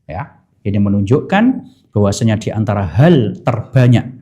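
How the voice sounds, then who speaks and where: Indonesian preacher teaching in a mosque. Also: male voice, lowish voice, animated, mellow. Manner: explains slowly and asks the congregation questions he then answers; recites Arabic slowly, then translates it. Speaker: Islamic preacher. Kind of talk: mosque study-circle sermon.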